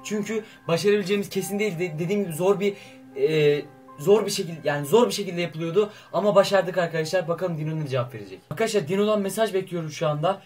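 Young male gaming vlogger: fast, high voice, lurches from shouts to mutters. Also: soft background music. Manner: excitable, swings between loud outbursts and muttering. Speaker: YouTuber. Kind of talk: excitable gaming vlog.

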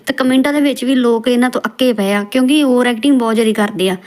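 Woman, mocking roast commentary, brisk pace. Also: fairly high pitch, a little mellow. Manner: scolding, mocking.

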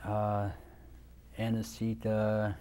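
Talking extremely slowly in a fairly low, warm monotone, a dance instructor from Nebraska in his thirties chats as a guest on an indoor studio talk show set. He's easygoing into his lapel mic, rambling with lots of restarts and "you know." Slight background noise is present.

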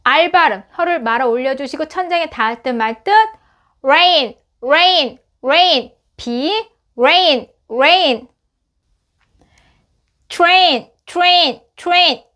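Woman phonics teacher drilling words slowly, each said three times; very high, bright voice. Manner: repeats each English word three times, then gives its meaning. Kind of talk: slow repeated word drills with explanations.

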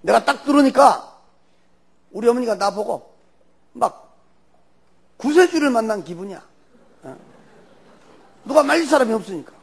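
An older man with a Jeolla Korean accent tells his testimony as a church elder, high-pitched and swooping all over. His voice is gravelly and husky, and he tells the story in a folksy way. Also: moderate pace, pauses often. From Jeolla region, Korea. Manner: animated storyteller, loose and folksy.

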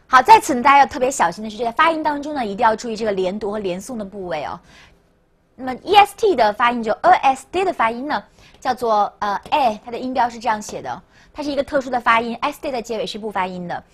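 A woman teaching a language lesson, coaxing and repeating words slowly for students to echo. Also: fairly high pitch, expressive, a bit bright, breathy edge. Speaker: French teacher.

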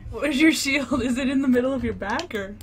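A woman's voice: high-pitched, fairly quick. A woman chatting and teasing her friend while they play a game together. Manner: giggly, teasing. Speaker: guest streamer. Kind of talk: casual gameplay chat.

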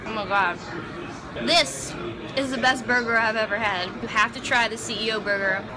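A young adult woman filming a taste test in a restaurant, talking to camera in an excited, gushing way. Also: a little high, moderate pace, a crowd in the background. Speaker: food reviewer host. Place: busy restaurant.

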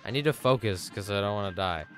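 Male game streamer, bright sharp voice, excitable, laughs and swears while thanking donors. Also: on the low side, fast, soft background music. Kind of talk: live gaming stream chat.

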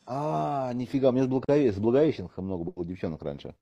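A man's voice: mid-range voice, big pitch swings, fast talker, mellow, lo-fi sound. A man recruiting online hosts in a casual chat, rambling with lots of fillers and joking asides.

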